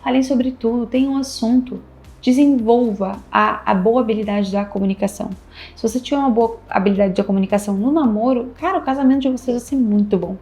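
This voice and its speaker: A woman's voice: a little high, fairly quick, dark tone. Emphatic Brazilian woman giving dating advice. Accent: Brazilian Portuguese. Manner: emphatic, repeats key phrases, acts out little dialogues. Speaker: relationship advice host and couples therapist. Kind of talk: casual advice talk to camera.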